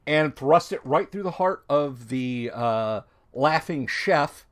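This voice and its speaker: A man running a tabletop role-playing game as dungeon master, narrating in an unhurried way with plenty of ums and uhs. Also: fairly high pitch, animated.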